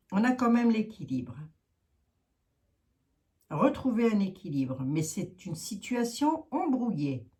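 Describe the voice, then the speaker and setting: A woman's voice: on the low side, warm tone. A woman with a Lorraine French accent, reading cards and chatting frankly while thinking aloud with many fillers. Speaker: card reader. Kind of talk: casual card reading monologue.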